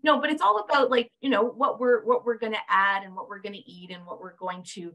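A woman's voice: mid-range voice, a little fast, sharp tone, lo-fi sound. A woman moderating a webinar over a video call, reading viewer questions in a bubbly, chatty way. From Canada. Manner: bubbly, fillers and restarts. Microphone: video call webcam.

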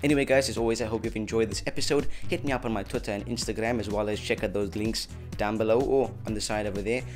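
Talking fast with a lowish voice and fairly even intonation, a young tutorial host jokes around with his viewers in a chummy style. The video is scripted but casual, and music plays behind him.

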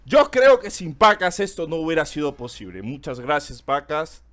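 A man chatting loudly on a game stream, excitable and swearing often. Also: on the high side, moderate pace. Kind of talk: casual stream chat.

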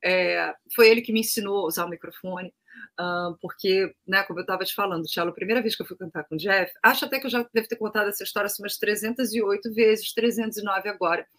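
Bright-voiced Brazilian woman telling stories. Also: medium pitch, fast. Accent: Brazilian Portuguese. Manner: lively anecdotal telling, acting out quoted voices. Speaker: guest singer, opera-trained. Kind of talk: casual interview storytelling.

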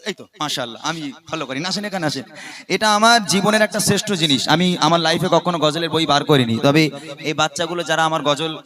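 A man, a devotional song singer, bantering playfully with children from a stage at a mosque gathering, teasing and joking as he gives quick commands. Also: a little high, sharp tone. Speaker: gojol singer performing on stage.

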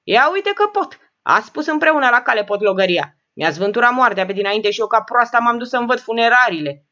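A sarcastic old lady full of scorn barks insults in a high, animated voice, performed by a woman reading a storybook. Her lines are bossy and mocking. The recording sounds a little muffled. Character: sharp-tongued rich old woman, mocking and shrewd.

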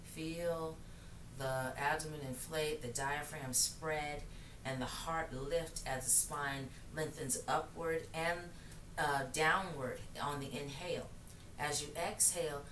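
A middle-aged woman guides yoga and breathing in measured, soothing phrases with long pauses, recorded across a living room. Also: sits low, steady tone, fairly bright tone. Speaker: yoga teacher. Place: living room, seated on the floor. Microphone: camera mic across the room. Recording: roomy, noisy, distant microphone.

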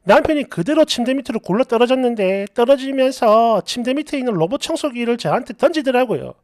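A woman reads a reader's story aloud in the first person, acting out the quotes with feeling. Her pitch rises and falls in lively swings. The recording is close and dry. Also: fast talker, no echo. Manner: expressive, acts out quoted lines. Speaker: story narrator. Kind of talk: dramatic reading of a reader's story.

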